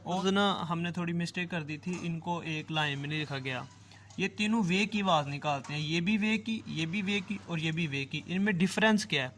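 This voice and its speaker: A man's voice: a little high, a bit bright, slight background noise. A man teaching a language class, patiently drawing out and repeating each sound and checking that the listener follows. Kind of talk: online language lesson.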